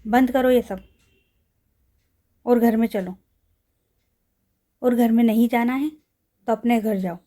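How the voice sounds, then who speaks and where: Woman voicing a stubborn angry young woman, cold, scolding, fairly high, mellow. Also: slow pace, pauses often.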